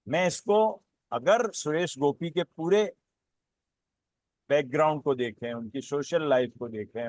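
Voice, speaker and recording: A man speaking as a political analyst on a panel, building his points in a measured way with repeated phrases. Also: fairly high pitch, darkish tone, dry recording. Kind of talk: panel discussion commentary.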